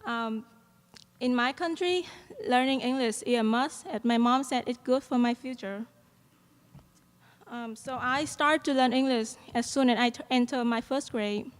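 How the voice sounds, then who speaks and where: At a graduation, a young student speaker with a Vietnamese accent delivers her commencement speech earnestly from a podium mic. Her fairly high voice echoes with a long reverb across a large hall, punctuated by frequent soft ums and light laughter.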